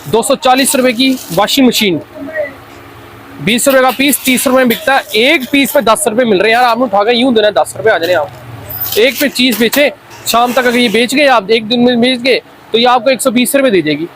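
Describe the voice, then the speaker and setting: Casting: Pakistani male trader, high voice, insistent repetitive hard-sell patter, faint background noise. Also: moderate pace, a bit bright, poor audio. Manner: repeats his lines insistently. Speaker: wholesale toy seller presenting stock. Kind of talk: unscripted hard-sell product pitch.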